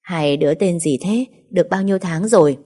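A woman's voice: lowish voice, brisk, warm tone, natural voice. A woman reading the lines of a stern elderly father-in-law, pleased with his grandsons, in a story.

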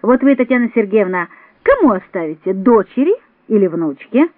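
A woman's voice: mid-range voice, very animated, normal speed, no room sound, close to an everyday voice. A woman reading an audiobook voices a brash, mocking young clerk. The sound is dry and tinny, like a phone line. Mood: teasing. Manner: brash, teasing.

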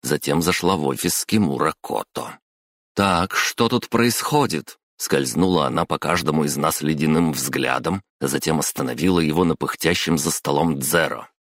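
A man narrating a story in the first person, in an even, cool way. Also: extremely low pitch, normal speed, hardly any pauses, dry recording, clean studio sound.

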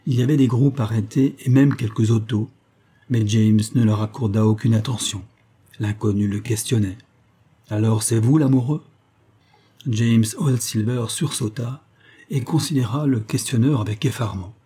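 Husky low-voiced male storyteller. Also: fairly even intonation, mellow. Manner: measured, dramatic storytelling. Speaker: audiobook narrator. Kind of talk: literary audiobook narration.

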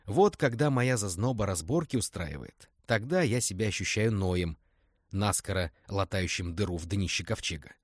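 A man's voice: on the low side, expressive, normal speed, dry recording, clean studio sound. A man reading aloud and voicing an older colonel, a teasing, folksy uncle figure. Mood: joking.

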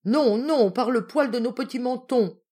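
A woman voicing scared little piglets in a storybook reading, high and loud. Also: unhurried, breathy edge. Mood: frightened.

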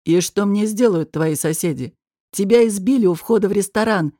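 A woman reading an audiobook voices a domineering, menacing man who talks in a low, slow, mocking, threatening way. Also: warm tone, dry recording, clean studio sound, close to an everyday voice.

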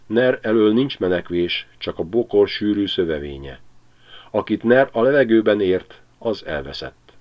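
Male audiobook reader, low voice, lively pitch, lo-fi sound. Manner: lively, expressive storytelling. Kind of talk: scripted narration of a children's novel.

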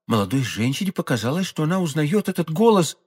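Husky male audiobook narrator. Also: on the high side. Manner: measured, expressive reading. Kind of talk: scripted literary narration.

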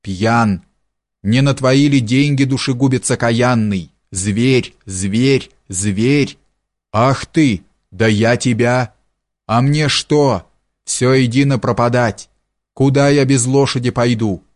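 A man reading an audiobook, voicing a poor peasant man who pleads slowly and then curses in fury. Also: mid-range voice, close to an everyday voice. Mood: furious.

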